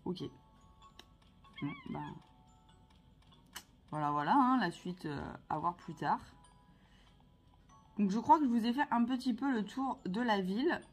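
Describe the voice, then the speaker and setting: A woman's voice: fairly high pitch, lively intonation, measured pace, long pauses, faint music behind. Chatty woman narrating her gameplay. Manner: chatty, playful, talks straight to viewers. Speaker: vlogger playing a video game. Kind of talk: casual gameplay commentary.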